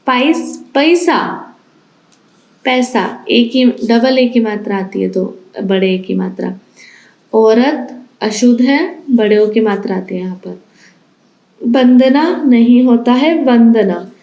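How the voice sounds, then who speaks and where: A woman teacher giving a grammar lesson to young children, reading words out slowly and one by one as she explains them. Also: a little high, vocal fry, warm tone, reverberant, rough recording. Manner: slow, deliberate, spells out words for children. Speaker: school teacher.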